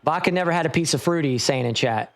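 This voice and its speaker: A man's voice: a little high, quick pace, soft background music. Easygoing male esports caster. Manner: easygoing, rambling, playful banter. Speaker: esports commentator. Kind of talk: casual esports commentary.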